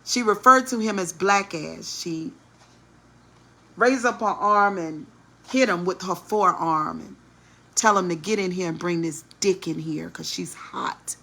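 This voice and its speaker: Slow husky woman with a bright, heated tone. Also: fairly low pitch. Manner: indignant, preachy, sometimes drops to a hush. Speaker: vlogger telling a family story. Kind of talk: slow, heated storytelling monologue.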